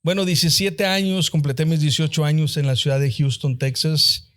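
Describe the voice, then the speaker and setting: A man's voice: a little high, steady tone, moderate pace, a bit bright. A man from northern Mexico with a northern Mexican accent, a podcast guest who tells his story humbly and often adds "¿verdad?". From Linares, Mexico. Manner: humble, filler-heavy, frequent "¿verdad?". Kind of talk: casual interview storytelling.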